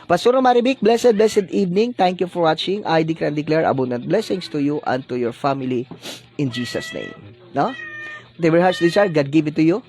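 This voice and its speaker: A man's voice: fairly high pitch, expressive, normal speed, a little mellow. A male pastor giving a livestreamed sermon, dropping a tag question after phrases in a preacherly cadence. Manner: blessing-decree cadence, preacherly.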